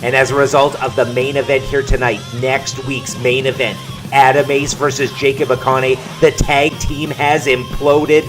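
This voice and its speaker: Energetic male wrestling commentator. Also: medium pitch, moderate pace, music in the background. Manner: energetic play-by-play calling. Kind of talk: play-by-play commentary over a video game.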